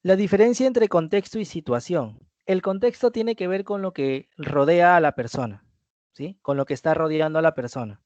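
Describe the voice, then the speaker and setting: A man's voice: a little high, moderate pace, a little mellow, no room sound. A man teaching an online review class, explaining step by step, often checking with "¿no?" and repeating key points. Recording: dry dull lo-fi recording.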